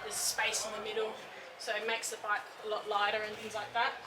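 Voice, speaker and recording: A woman's voice: mid-range voice, completely flat delivery, a little fast, distant mic. A woman being interviewed about a motorcycle, hesitant and full of ums and uhs. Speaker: interviewee, bike shop owner. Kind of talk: casual outdoor interview. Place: outdoor motorcycle show. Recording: echoey, off-mic with loud background noise.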